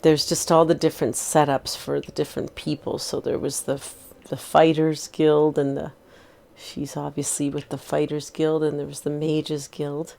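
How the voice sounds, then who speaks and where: A woman's voice: sits low, flat delivery, normal speed, vocal fry, mellow. A woman in her forties chatting in a rambling, easygoing way while streaming a game, laughing easily. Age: 40s. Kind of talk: casual gameplay chat.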